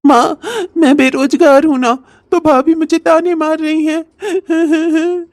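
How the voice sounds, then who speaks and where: A woman's voice: high-pitched, a little fast, a little mellow, no echo, studio quality, close to an everyday voice. A woman voicing a sly, unemployed young brother-in-law who whines and fake-sobs in a cartoon comedy. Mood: fake crying. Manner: fake sobbing, whiny.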